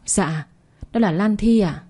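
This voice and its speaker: A woman's voice: mid-range voice, slow, dark tone. A woman voicing a spoiled, whiny young woman secretary in a storybook reading, complaining in a sniffling way. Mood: meek.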